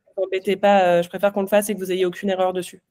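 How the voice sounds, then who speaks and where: A woman's voice: mid-range voice, flat delivery, very fast, dark tone. A woman coaching pastry exam students in a live online Q&A, chatty and reassuring.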